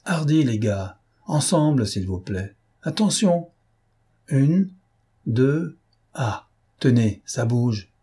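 A man voicing a gruff junk-dealer gang boss. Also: mid-range voice, moderate pace, warm tone. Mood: urging.

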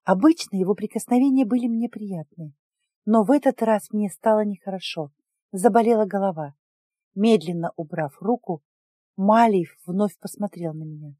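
A woman reading a first-person story in an even, measured manner. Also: mid-range voice, dry recording, studio quality. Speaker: audiobook narrator.

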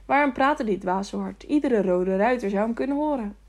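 A woman narrating a children's novel aloud in a calm, even storytelling manner. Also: fairly high pitch, a little fast. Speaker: audiobook narrator. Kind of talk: scripted narration.

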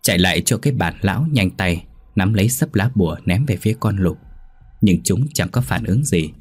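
Deep husky male ghost-story narrator. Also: animated, moderate pace.

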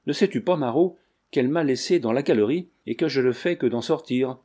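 A man's voice: mid-range voice, brisk, mellow, close to an everyday voice. A man reading the part of an angry, imperious middle-aged prince with curt, commanding questions.

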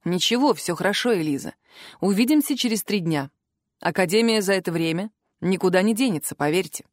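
A woman reading a reserved male academy master who speaks quietly and calmly, reassuring a young student. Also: medium pitch, a little fast, dry recording, studio quality, close to an everyday voice.

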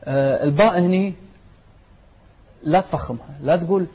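A man teaching Quran recitation. He chants verses slowly for learners to repeat, then corrects pronunciation briskly. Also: fairly high pitch, dark tone, slightly rough. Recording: dull lo-fi recording.

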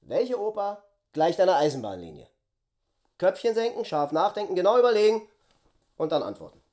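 A man's voice: sits high, sing-song, fairly quick, a little mellow. An actor playing a theatrical man who teases the room with riddles in a radio drama. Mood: teasing. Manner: theatrical, teasing. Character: playful man posing riddles, showy.

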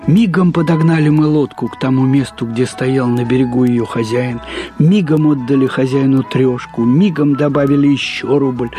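In a warm, mid-range voice, a man reads a first-person literary short story, deliberate and wryly humorous, with measured pauses and repetitions.

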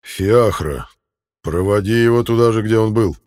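A commanding fairy king, read by a man, speaks in a measured, authoritative tone. His voice sits low, and he sounds stern but controlled. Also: darkish tone, lightly acted. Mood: calm. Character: stern male fairy ruler, calm and commanding.

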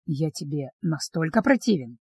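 A woman reading an audiobook, voicing a menacing, jealous male vampire in a low, slow, seething hiss. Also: a little mellow, husky, no room sound. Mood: subdued. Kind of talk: audiobook character voice.

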